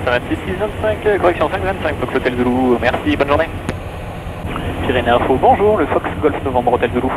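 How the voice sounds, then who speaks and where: A man's voice: medium pitch, lively intonation, a little fast. A man making clipped, procedural radio calls as a pilot over a headset in a small aircraft. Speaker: private pilot. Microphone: aviation headset. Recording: pilot headset audio with aircraft cabin noise.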